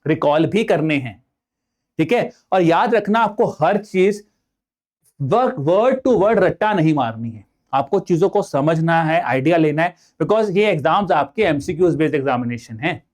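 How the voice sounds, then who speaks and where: A man's voice: a little high, lively intonation, a little slow, a little mellow. A young adult man with an Indian accent teaching an online exam-prep lesson, mixing in English words and firing rhetorical questions at his students. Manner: addresses viewers as friends, Hindi-English mix, rhetorical questions. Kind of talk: online lecture.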